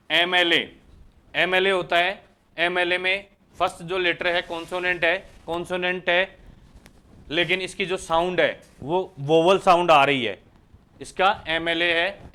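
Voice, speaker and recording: A man's voice: high-pitched, steady tone, unhurried, pushed and bright, clean tone. A man from India teaching English grammar in a lecture, who keeps asking the class questions and answering them himself. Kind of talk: Hindi lecture explaining English articles.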